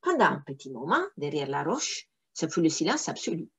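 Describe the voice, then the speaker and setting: A woman reads a fairy tale aloud for young listeners, her pitch swinging in a very expressive way. She often breaks off to explain unfamiliar words in a friendly, teaching manner. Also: fairly quick, breathy edge. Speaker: storyteller.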